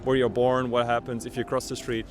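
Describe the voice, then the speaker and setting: A man answers a street interview outdoors in a relaxed, reflective way, leaning on lots of fillers. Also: medium pitch, fairly quick, noisy background. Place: outdoors in a city.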